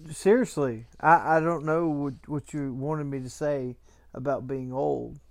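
A man's voice: on the high side, unhurried, vocal fry. Folksy man in casual banter. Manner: folksy, colloquial phrasing. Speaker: podcast co-host.

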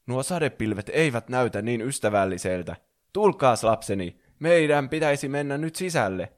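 A man's voice: mid-range voice, expressive, natural voice. A man voicing a kindly old mask spirit who speaks to the children in a fatherly way. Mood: caring. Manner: warm, fatherly.

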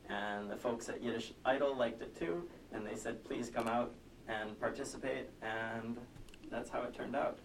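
An American man telling a story as an interview guest, measured and articulate, on a telephone connection. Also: medium pitch, gravelly. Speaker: interview guest, singer and songwriter. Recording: distant, noisy phone connection.

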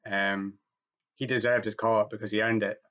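A man co-hosting a podcast, giving measured, opinionated takes on football in a casual discussion. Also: fairly low pitch, muffled recording. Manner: measured, opinionated, steady delivery. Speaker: podcast co-host, football pundit.

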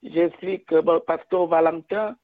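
A woman calling in to a radio show over a phone line, speaking haltingly with many restarts. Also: fairly low pitch, steady tone, dry recording. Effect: caller heard over a phone line. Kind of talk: call-in testimony.

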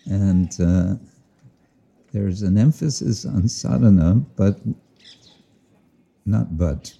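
A man giving a slow, reflective devotional talk outdoors to listeners, often chuckling and explaining Sanskrit and Bengali terms. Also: low-pitched, gravelly, mellow, slightly rough. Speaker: spiritual teacher. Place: outdoors with listeners, sun overhead.

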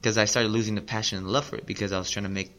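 A man's voice: fairly low pitch, steady tone, racing, a bit bright. A man in his late thirties, a podcast guest, talking casually and earnestly, often repeating himself. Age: 30s. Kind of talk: casual interview talk.

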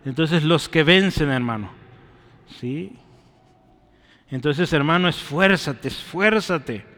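A man's voice: on the high side, takes it slowly, fairly bright tone, big-room sound. A man preaching a sermon and closing in prayer, urging his listeners and often checking in with a short "right?" and "brother". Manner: exhorting, often adds "¿sí?" and "hermano" to his phrases.

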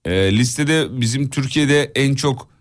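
A man's voice: mid-range voice, steady tone, measured pace. A man hosting a casual morning show, reading out film charts and teasing his co-host. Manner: teasing, reads out lists. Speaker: radio host.

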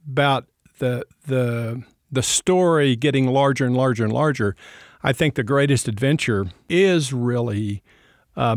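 A male host in a reflective faith conversation answers his guest with warm, ready affirmations. He drifts into long, winding stories and keeps a mid-range voice. The sound is close and dry. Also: medium pitch, no echo. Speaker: podcast host.

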